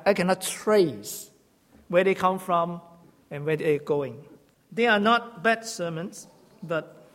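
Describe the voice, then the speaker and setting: In a hall with long reverb, a church teacher from Hong Kong gives teaching in the manner of a sermon. His voice is high, and his delivery is halting and self-correcting, with touches of gentle humor.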